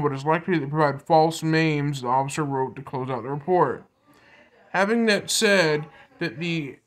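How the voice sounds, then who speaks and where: Male vlogger, slightly high voice, casual news commentary, halting delivery that circles back over points. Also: fairly bright tone. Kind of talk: casual commentary, partly reading a news report aloud.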